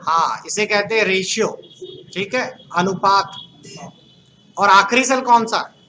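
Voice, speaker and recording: The teacher, a man from Uttar Pradesh, has a high-pitched, bright and forceful voice and talks a little slowly, with slight background noise. In his Uttar Pradesh Hindi accent he runs a computer class, asking questions and joking with students.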